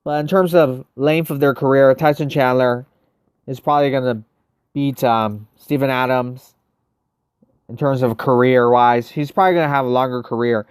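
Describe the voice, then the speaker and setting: A man from the United States chats casually as a livestream host during gameplay, thinking aloud and answering viewers. His mid-range voice has fairly even intonation, a moderate pace and a clean tone, captured as clean studio sound with no room sound.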